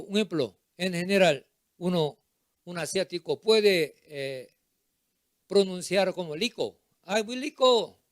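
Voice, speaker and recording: A man preaching a sermon as pastor, in short halting phrases with simple, non-native grammar and frequent repetitions. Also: on the high side, dry recording, clean studio sound.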